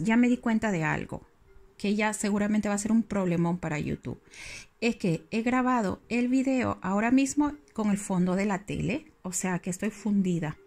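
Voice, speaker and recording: A woman's voice: medium pitch, a little mellow. Woman, casual vlog chat, rambling, self-correcting, laughs at herself. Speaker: craft vlogger.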